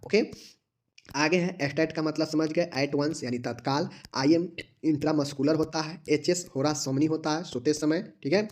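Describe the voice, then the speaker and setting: A man teaches nursing exam prep in a somewhat high voice. He repeats each term and its full form, spelling some out letter by letter. His tone is that of a tutor coaching students. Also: darkish tone. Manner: repetitive, drilling abbreviations letter by letter. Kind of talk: online exam-prep lesson.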